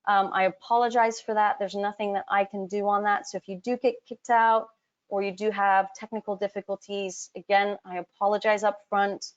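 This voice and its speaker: A woman from Hong Kong working as a business advisor, presenting a live webinar. She talks in a chatty, direct way, speaks to her audience often and fills her pauses with ums. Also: mid-range voice, flat delivery. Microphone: computer mic on a web call, camera off. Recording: dull lo-fi webinar audio.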